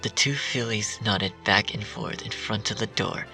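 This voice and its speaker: A story reader narrates dark fan fiction in a hushed near-whisper, his voice bright yet rasping with gravel, on the low side and a little slow. He sits a bit distant from the mic, with faint music playing underneath.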